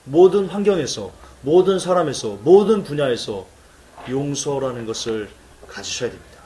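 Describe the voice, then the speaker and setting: Animated, emphatic male pastor preaching. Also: mid-range voice, moderate pace, roomy sound, recorded from a distance, a little hiss or hum. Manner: emphatic, animated storytelling with acted-out cries. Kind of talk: sermon. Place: church.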